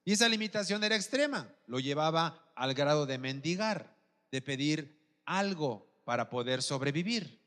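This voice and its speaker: A pastor preaching, his voice sitting a bit high for a man. He keeps asking the congregation whether they follow him. The sound carries a long reverb from a large church hall. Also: lively intonation, normal speed, bright, forceful tone. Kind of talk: sermon.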